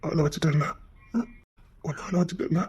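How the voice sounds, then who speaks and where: Husky, lowish-voiced devoted young husband, as a woman acts him. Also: fairly even intonation, moderate pace. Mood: tender. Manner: teasing, then soft and pleading. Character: devoted young husband, teasing then tender. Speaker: actor in a romantic couple skit. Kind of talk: acted romantic dialogue.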